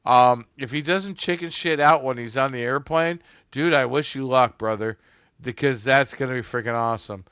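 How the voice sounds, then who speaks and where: A man's voice: mid-range voice, moderate pace, fairly bright tone, clean tone, no echo, muffled recording. A man hosting a casual livestream, rambling and a bit tipsy from a couple of beers, talking loosely and swearing to his chat. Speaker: livestream host.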